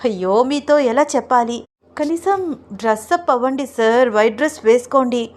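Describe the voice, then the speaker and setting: A woman's voice: on the high side, animated, moderate pace, darkish tone, pitched above the performer's own voice, natural voice. A woman voicing a coy young wife who keeps making flustered, pleading protests in an audio story.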